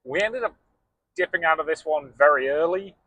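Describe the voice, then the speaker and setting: A man co-hosting a podcast, relaxed and rambling in casual chat. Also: on the high side, moderate pace, dry recording, rough recording. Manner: relaxed, rambling with fillers like "um" and "you know". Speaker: podcast co-host.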